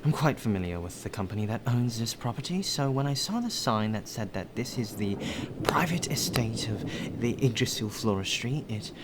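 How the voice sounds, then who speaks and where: In an ASMR roleplay addressed to the listener, a man plays a courteous, well-spoken butler who is deferential and appreciative, using formal, flowery phrasing. His voice is medium-pitched with lively intonation, a moderate pace, and a lightly acted, polite, chatty mood, set against rain ambience and clear background noise.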